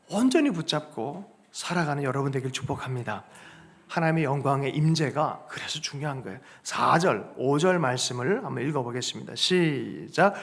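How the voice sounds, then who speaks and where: Male pastor preaching a sunday sermon, fairly high voice that swings all over, acts out the quotes and pushes to loud peaks. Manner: chuckles and calls on the congregation to respond. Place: church sanctuary with congregation.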